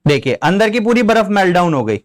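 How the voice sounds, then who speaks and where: An Indian man teaching science with a very high-pitched voice. He is playful and theatrical, and he acts out scenes and sound effects to explain ideas. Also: sing-song, fast talker. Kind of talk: playful classroom lesson with demonstrations.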